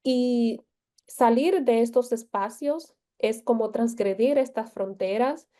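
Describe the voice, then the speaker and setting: A woman from the Republic, speaking as a guest in a reflective panel conversation, with frequent pauses and restarts. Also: a little high, dark tone. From Dominican Republic. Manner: slow, thoughtful, frequent hesitations and restarts.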